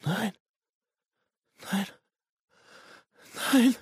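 Guy doing a raving junkie, croaky, cracks up high, sinister and manic. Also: expressive, slow pace, sharp tone, no room sound, studio quality, exaggerated voice. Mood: ecstatic raving.

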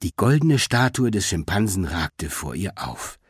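Casting: male storybook narrator, low and husky, lively delivery, dry close sound. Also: unhurried, no room sound. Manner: expressive storytelling. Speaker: audiobook narrator.

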